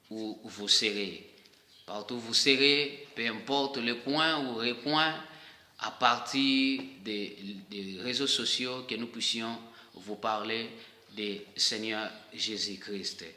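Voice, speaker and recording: A man from DR Congo with a Congolese French accent, preaching a sermon to online viewers. He speaks emphatically, repeats key phrases and pauses often. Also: mid-range voice, bright, forceful tone. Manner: emphatic and repetitive, with hesitant pauses. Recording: echoey room with long reverb.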